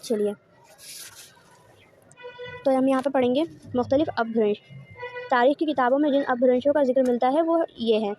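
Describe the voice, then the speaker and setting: Faint music plays behind a woman whose mellow voice sits high and pauses often. She is a teacher lecturing online about course notes, asking herself rhetorical questions, answering them, and restating each point differently.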